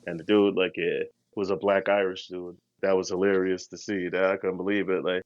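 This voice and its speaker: A man's voice: deep voice, flat delivery, a little fast, no echo, muffled recording. A man co-hosting a podcast, telling travel stories in a slangy, laid-back, rambling way. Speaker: podcast co-host. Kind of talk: casual travel storytelling.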